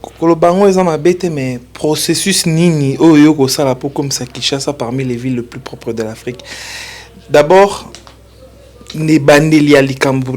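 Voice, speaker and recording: Man guest, Congolese accent, mid voice, measured answers with fillers. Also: mid-range voice, a little mellow. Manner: deliberate, with fillers, mixes Lingala and French. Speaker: studio guest. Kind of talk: interview answers.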